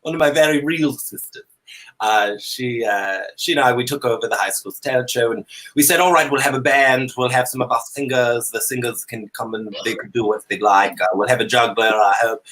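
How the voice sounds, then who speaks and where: This talk show guest, a Canadian drag comic, jokes in an affected, theatrical dandy character over a video call from a room in his home, his phrasing hesitant. He speaks in a mid-range, slightly bright voice, and the audio is poor.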